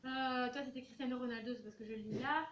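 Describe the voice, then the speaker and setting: A woman speaks quickly to her pupils in a classroom lesson, her fairly high voice steady and fairly bright. She's informal and chatty, role-playing little examples of what teenagers say. The recording is muffled and made with a distant microphone in a noisy, echoey classroom.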